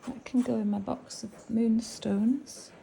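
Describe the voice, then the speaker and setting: Middle-aged northern English woman sorting antiques on camera, chatty and fond of her finds, warm gravelly delivery. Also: fairly high pitch, steady tone, slow, a little hiss or hum, rough recording. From England. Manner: chatty, musing aloud, fond of the items. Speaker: antiques seller. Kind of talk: casual narration while sorting antiques.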